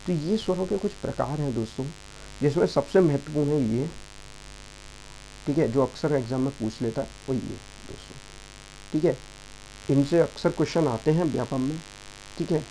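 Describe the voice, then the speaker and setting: Gravelly-voiced man teaching a grammar lesson. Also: medium pitch, moderate pace, long pauses, dark tone, slight background noise, low-quality recording. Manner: explaining patiently, repeats "ठीक है" and "दोस्तों" often. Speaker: exam prep teacher.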